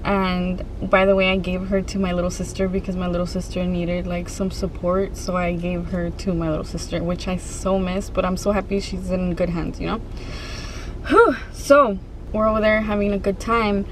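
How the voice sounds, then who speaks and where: A woman vlogger telling a personal story to her viewers in a casual, conversational way, pausing and restarting as she goes. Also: lowish voice, steady tone, noisy background.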